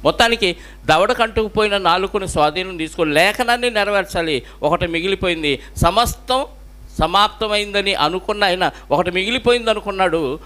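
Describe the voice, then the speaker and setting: A man's voice: sits high, brisk, bright, forceful tone. A male pastor with a Telugu accent preaching a sermon, often asking the congregation questions.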